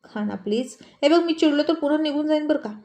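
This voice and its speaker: A woman's voice: sits high, lively intonation, a little fast, dark tone, voice pushed up. A woman doing a firm, caring grown son. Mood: coaxing. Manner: firm, coaxing.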